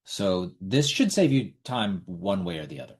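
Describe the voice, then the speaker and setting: A man's voice: low-pitched, sing-song, normal speed. A middle-aged man hosting a casual online trading webinar, talking bluntly with repeats and the odd swear word. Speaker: webinar host.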